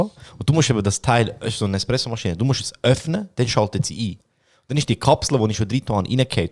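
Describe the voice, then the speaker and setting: A man's voice: fairly low pitch, darkish tone. A young man with a Swiss German accent, a podcast co-host who tells casual stories, acts out quotes and laughs often. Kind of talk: casual storytelling chat.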